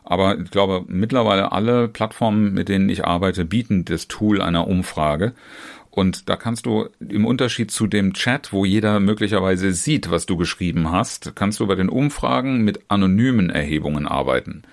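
His voice is very low and gravelly as this trainer and trainer educator gives a casual instructional talk on online seminars, speaking straight to the listener. Long chained sentences, restarted phrases, and short hesitation sounds fill his delivery.

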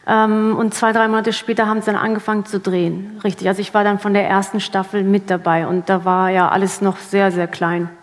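A woman's voice: mid-range voice, little pitch movement, brisk, few pauses. A woman actress giving an interview, chatting casually with laughter and self-mocking humor. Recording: long hall reverb.

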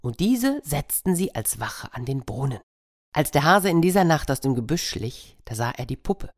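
A woman storyteller reading a fable to children. Her voice sits low, and she keeps it lively, drawing the listeners in directly. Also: moderate pace. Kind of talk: fairy tale told to children.

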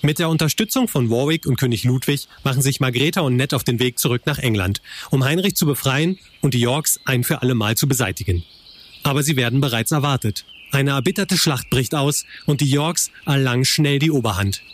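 A man's voice: medium pitch, a little fast. A man narrating a historical story from a script.

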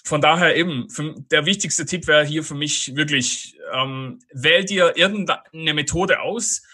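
A man's voice: fairly high pitch, unhurried, sharp tone, breathy edge. A Swiss man with a Swiss German accent, a guest in a casual podcast interview, chatty and full of fillers and laughs. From Switzerland. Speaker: guest, online marketer.

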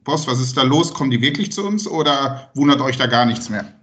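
A man's voice: medium pitch, animated, a little fast, fairly bright tone. A man hosting a podcast, asking casual questions with a joking, teasing edge. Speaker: podcast host.

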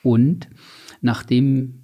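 A middle-aged man, a company founder, giving measured, deliberate interview answers that he sets out in lists. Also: medium pitch, fairly even intonation, muffled recording. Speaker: company founder and guest expert.

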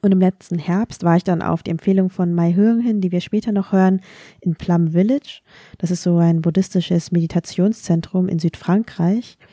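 Speaking at a normal speed with fairly even intonation, this woman has a fairly low, warm voice in a dry studio recording. She grew up with Vietnamese and discusses her personal feelings on a podcast in a thoughtful, frank, self-ironic way.

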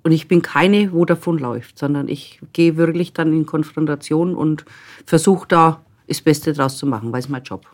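A woman's voice: low-pitched, normal speed, a little mellow. A middle-aged woman, telling work anecdotes in a podcast interview in a blunt, matter-of-fact way. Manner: blunt, matter-of-fact storyteller who acts out dialogue. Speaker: transit service staff member.

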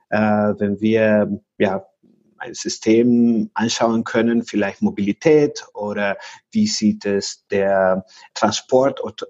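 Man, husky and lo-fi. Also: fairly low pitch, a little mellow. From Venezuela. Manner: searching for words, many fillers and restarts. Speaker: futurist guest. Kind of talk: podcast interview.

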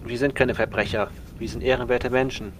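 Mid-pitched man playing tabletop role-play. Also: fairly even intonation, a little fast, fairly bright tone, a little hiss or hum, poor audio.

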